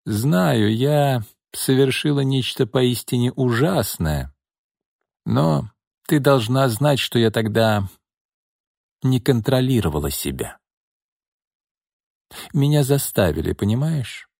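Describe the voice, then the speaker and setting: A man voicing a vengeful woman who speaks coldly and mockingly, sometimes with a soft pleading tone. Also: medium pitch, animated, takes it slowly, gravelly, long pauses, no echo, clean studio sound, pitched above the performer's own voice, exaggerated voice. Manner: pleading, then icy and mocking. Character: cold vengeful woman back from the dead.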